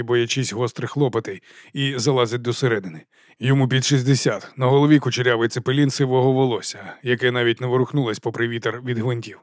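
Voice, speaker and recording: A man narrating an audiobook in an even, measured way. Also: medium pitch, no echo, studio quality.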